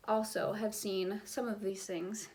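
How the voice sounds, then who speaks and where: A woman's voice: mid-range voice, level tone, a little slow, darkish tone. A woman talking casually through her favorite makeup and skincare products, chatty and full of fillers. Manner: chatty, filler-heavy, enthusiastic recommending. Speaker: beauty vlogger. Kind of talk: casual product review vlog.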